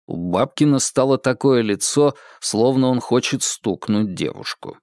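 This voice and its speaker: Man reading an audiobook, mid pitch, very expressive, dry close mic. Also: unhurried, no echo. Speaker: audiobook reader. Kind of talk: audiobook narration.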